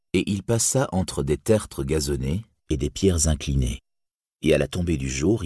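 A man reading a fantasy tale aloud in a measured, solemn storytelling voice. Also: sits low, dark tone, husky, no echo, studio quality. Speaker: narrator.

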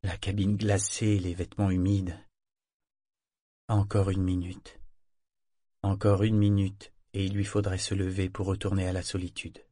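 Slow, husky male audiobook narrator. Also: deep voice, flat delivery, dark tone, no room sound, studio quality. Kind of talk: scripted narration.

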